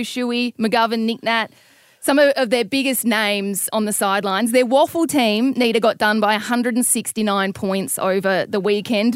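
A woman's voice: a little high, clean tone, no room sound, clean studio sound. An Australian woman hosting a sports talk podcast, chatting casually and setting up long questions for her guest. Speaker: podcast host.

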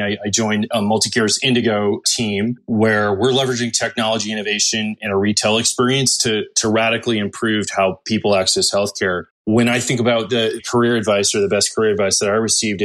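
A man with a fairly low voice answering interview questions. He speaks in a measured, halting way, often pausing and restarting his sentences. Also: a bit bright. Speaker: guest, healthcare executive.

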